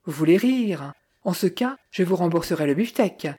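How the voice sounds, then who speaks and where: A woman's voice: lowish voice, lively intonation, normal speed, warm tone, breathy edge. A woman voicing a self-assured, amused young woman in an audiobook.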